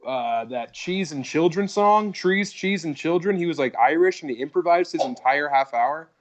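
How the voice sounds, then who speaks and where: A man's voice: a little high, lively intonation, moderate pace, muffled recording. A man in his thirties from Colorado, a guest comedian chatting casually on a video call, rambling and swearing with lots of "like" and "dude". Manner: rambling and profane, leans on "like" and "dude". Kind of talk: casual podcast chat.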